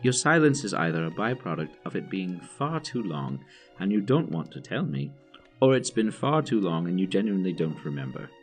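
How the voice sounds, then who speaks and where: An actor playing an aging, courteous doctor and former soldier in a formal, dry manner for an audio drama. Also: male voice, sits low, very animated, moderate pace, faint music behind. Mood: firm, concerned.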